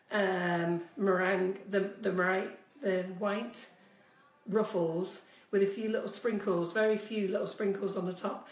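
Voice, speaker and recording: Live-streaming from her home kitchen, a cake decorating tutor in her fifties chats directly to viewers as she demonstrates piping, her voice a bit squeaky from a cold. Recorded from a distance, the audio is echoey, and she often wanders away from the phone mic.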